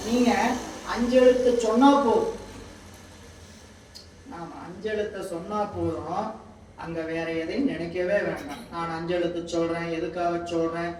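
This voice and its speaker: High-voiced male spiritual teacher, patient and repetitive; distant mic in a very echoey room, faint hiss. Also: darkish tone. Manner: slow, repetitive explaining with everyday examples. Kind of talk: devotional scripture commentary.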